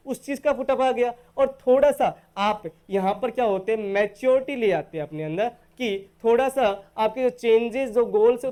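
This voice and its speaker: A man from Rajasthan teaching spoken English in a recorded online lesson. He is patient, calls his students "beta" and says the English model phrases slowly. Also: very high-pitched, a little mellow. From Rajasthan, India.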